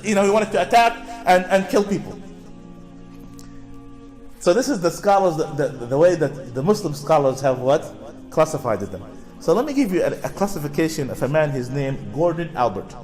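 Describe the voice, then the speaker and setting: A man giving a public talk, often posing rhetorical questions, repeating and restarting phrases, and drawing answers from the audience. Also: a little high. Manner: repetitive, with frequent restarts; draws responses from the audience. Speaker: lecturer.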